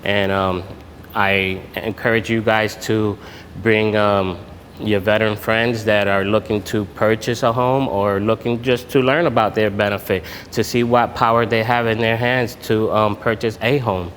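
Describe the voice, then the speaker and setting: Halting veteran. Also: male voice, on the low side, fairly even intonation, fairly bright tone. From Puerto Rico. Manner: halting, many filler sounds and restarts. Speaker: military veteran speaking at a networking event. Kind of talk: informal public talk. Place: event room. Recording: echoey hall with background noise.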